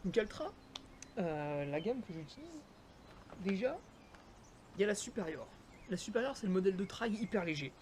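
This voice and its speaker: A man's voice: high-pitched, a little mellow, slight background noise. A young man, a trail runner, chatting casually and jokingly to the viewer while reviewing his running shoes. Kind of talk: casual gear review vlog.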